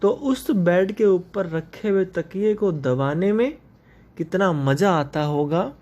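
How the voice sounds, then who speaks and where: A male English teacher in a recorded lesson, reading poem lines slowly and then explaining word meanings to his students. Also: high voice, darkish tone, highs cut off. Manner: mixes English and Hindi, addresses students directly.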